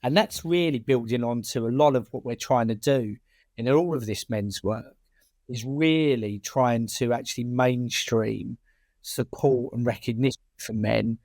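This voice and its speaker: A man's voice: mid-range voice, a little slow, a little mellow, no room sound. British working-class man, close dry sound. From United Kingdom. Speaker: charity chair and campaigner. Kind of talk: conversational interview answers.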